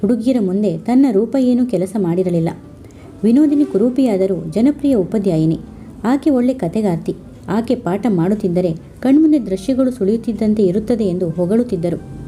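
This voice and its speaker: A woman storyteller reading a family story aloud in a steady, scripted narration. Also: medium pitch, normal speed, slight background noise.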